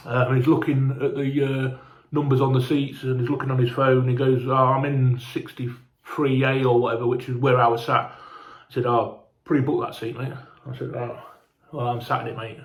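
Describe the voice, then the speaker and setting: A man's voice: mid-range voice, roomy sound. A man telling a casual, rambling travel story, sweary and chatty, sounding hungover and unwell. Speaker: fan vlogger.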